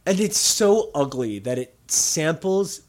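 A man co-hosting a podcast, chatting casually in an animated, jokey way with quick rants. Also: on the high side. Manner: animated, ranting, jokey asides. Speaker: podcast co-host. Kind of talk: casual chat.

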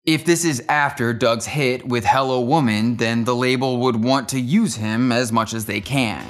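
A man's voice: mid-range voice, moderate pace. Man narrating with dry wit. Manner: dry, wry asides. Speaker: music history narrator. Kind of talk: scripted narration.

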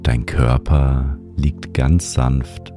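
Super deep guy doing sleep story narration, calm guided meditation, soft music behind him. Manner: sleep-story narrator delivery, slow and calming. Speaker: meditation podcast host.

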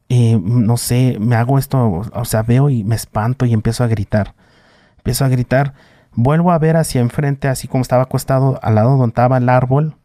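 A man's voice: medium pitch, mellow, no room sound, studio quality. A young man with a Mexican accent recounting a personal story in a casual chat, full of fillers. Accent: Mexican Spanish. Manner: many fillers, vivid retelling. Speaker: guest.

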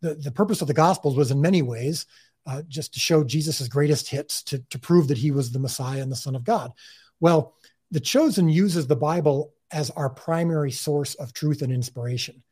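A man's voice: fairly high pitch, normal speed, darkish tone, husky. A man speaking as an interview guest about the series he created, earnest and talkative, often restarting and repeating words. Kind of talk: casual interview talk.

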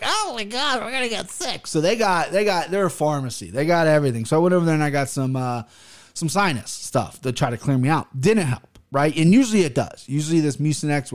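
An American man hosting a casual solo podcast, rambling bluntly with some swearing while talking with his mouth barely open. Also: a little high. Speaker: podcast host.

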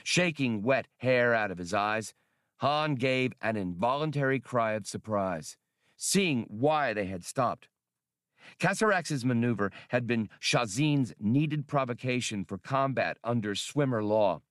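An audiobook narrator reads adventure fiction dramatically, his mid-pitched, fairly bright voice rising and falling expressively. He takes a slow, deliberate pace. The recording is dry, with no room sound.

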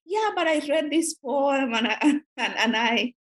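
A Cuban-raised woman whose native language is Spanish answers questions as a guest scholar in an academic interview. Her high-pitched voice is animated yet measured in pace, and she speaks thoughtfully, frequently restarting her sentences.

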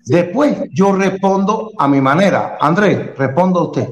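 Insistent man with high voice, echoey. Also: lively intonation, measured pace. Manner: formal, insistent, stammers when starting. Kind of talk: casual discussion. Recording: echoey room with faint noise.

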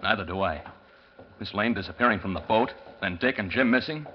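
An actor playing a brisk, serious crime-fighting hero in a 1940s radio drama. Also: male voice, lowish voice, slight background noise, natural voice. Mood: concerned. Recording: dull vintage radio recording, faint music.

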